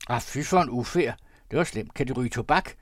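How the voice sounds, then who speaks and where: A hearty old country pastor, voiced by a man, loud and raised in pitch, booming out teasing questions in a classic storybook reading. The sound is dry and close, with no room around it. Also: dry recording, lightly acted.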